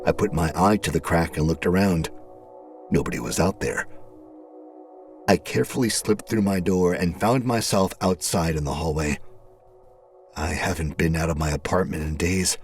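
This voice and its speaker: A deep-voiced man reads first-person horror narration from a script, building suspense dramatically and choosing his phrasing carefully, with music playing behind him.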